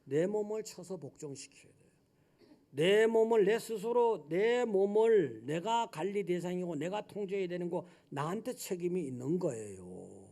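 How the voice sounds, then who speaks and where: A man preaching a Sunday sermon as senior pastor, acting out little scenes and swinging from loud calls to quiet asides. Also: high voice. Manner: dramatic, swinging from loud shouts to soft asides.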